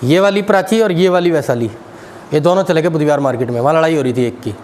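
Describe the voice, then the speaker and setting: A man teaching spoken English phrases to a class, joking with students and slowly reading each phrase aloud. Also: a little high, a little mellow, a little hiss or hum. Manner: jokey, tells funny classroom anecdotes, slows down to read phrases. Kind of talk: classroom lesson.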